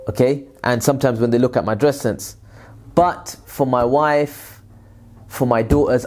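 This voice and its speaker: With a medium-pitched, darkish voice, this man, an aid worker and vlogger, responds to viewer questions in a laid-back, rambling style packed with fillers and religious expressions.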